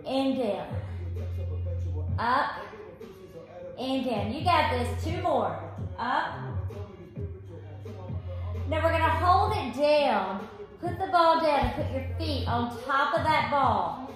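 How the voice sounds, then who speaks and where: A high-voiced woman leads a workout as an aerobics instructor. She gives unhurried, encouraging cues and counts while exercising. The room is very echoey, with faint music behind her. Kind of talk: live exercise class instruction with counting and cueing. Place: living room with hard wood floor, indoors.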